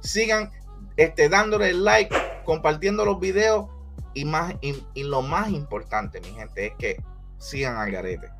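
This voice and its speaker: A man hosting a casual boxing commentary vlog, talking in a lively, hyped way and repeating catchphrases. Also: a little high, a little slow, music in the background.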